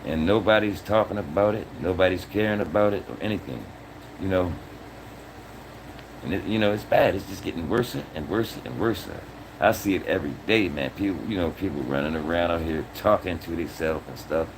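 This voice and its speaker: A man in his sixties hosts a livestream, chatting casually with his viewers in a low, fairly quick voice over a noisy background. He's earnest, repeats his points, and often ends phrases with "man."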